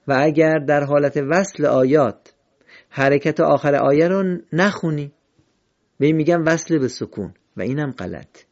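A man teaching the rules of Quran recitation in a patient, methodical way, slowly chanting verses as examples. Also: medium pitch, darkish tone. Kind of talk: explanatory lesson. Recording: dull lo-fi recording.

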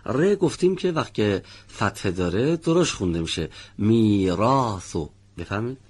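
A man teaching the pronunciation of a letter in a radio lesson, reading model words slowly and drawn out, then correcting learners one by one. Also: fairly low pitch, very animated, darkish tone, breathy edge. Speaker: Quran recitation teacher.

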